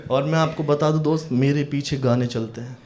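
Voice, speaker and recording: A male stand-up comedian telling a story in front of an audience, acting out every line of dialogue and landing punchlines loud. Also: fairly high pitch, fairly even intonation. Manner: acts out dialogue in quick voices, sudden loud punchlines. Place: comedy stage before a live audience.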